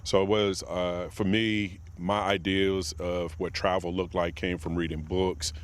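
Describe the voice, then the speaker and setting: A man from Virginia, a guest on a casual podcast interview, speaks earnestly and reflectively with many pauses and fillers. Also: low voice, little pitch movement. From Martinsville, Virginia, USA. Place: outdoor expo grounds.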